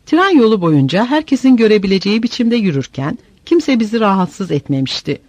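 A man narrating an audiobook in a steady, measured way. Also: high-pitched, dry recording. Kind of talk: scripted narration.

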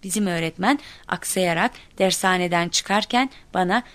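Lively woman storyteller, dry close sound. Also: lowish voice, normal speed, no room sound. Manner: lively, acts out quoted shouts. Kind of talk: expressive storytelling narration.

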